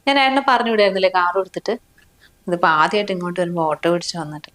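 A woman's voice: lowish voice, lively intonation, rapid-fire, a bit bright. An actress playing a young wife and mother who pleads with her husband in a family short film.

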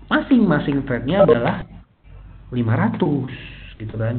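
A man's voice: a little high, a little hiss or hum. A man presenting a trading webinar, explaining in a casual, chatty way with many fillers. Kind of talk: live webinar lecture. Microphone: laptop microphone. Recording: tinny phone-like webinar audio.

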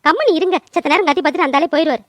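A woman's voice: extremely high pitch, very fast, no echo. A woman voicing a patient, dutiful young daughter-in-law in a cartoon. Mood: wry. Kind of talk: cartoon voice acting.

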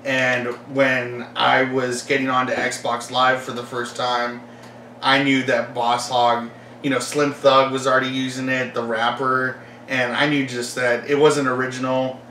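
A man's voice: mid-range voice, little pitch movement, unhurried, pushed and bright, echoey room, far from the mic, a little hiss or hum, rough recording. A young man rambling casually about his collection, full of fillers and enthusiasm. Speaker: collector vlogger.

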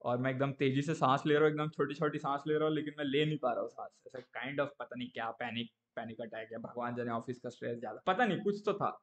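A young man chatting casually on a live stream, telling an animated story and often checking in with his viewers. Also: mid-range voice, fast talker, few pauses.

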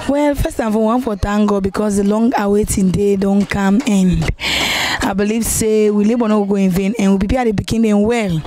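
A young woman with a Sierra Leonean Krio accent answers outdoors as a parent, her voice dark and mellow. She speaks in prayerful phrases into a held mic, with a faint hum behind her. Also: medium pitch, steady tone, moderate pace. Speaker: parent being interviewed. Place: outdoors on a street. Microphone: handheld mic held by interviewer.

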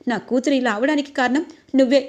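A woman's voice: high voice, fast, a little mellow, close to an everyday voice. A woman voicing a harsh scheming mother. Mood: angry. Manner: harsh, scolding. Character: scheming vengeful mother, middle-aged woman.

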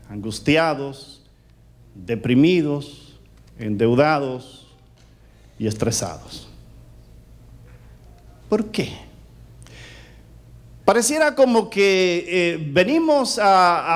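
A male pastor delivers a sermon in a lively, high voice that swoops up and down. He tells stories and puts rhetorical questions to his listeners with emphatic conviction. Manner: storytelling with rhetorical questions to the audience.

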